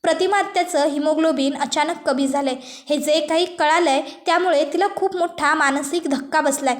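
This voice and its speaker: A woman voicing a calm, careful young male doctor who speaks in a measured, reassuring way. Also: sits high, close to an everyday voice. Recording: roomy echo.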